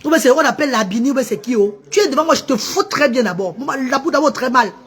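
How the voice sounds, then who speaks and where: Husky, combative woman ranting live. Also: sits high, animated, fast talker, fairly bright tone. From Cameroon. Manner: combative, insulting, mocking. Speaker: livestreamer running a charity restaurant. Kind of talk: live-stream rant and chat.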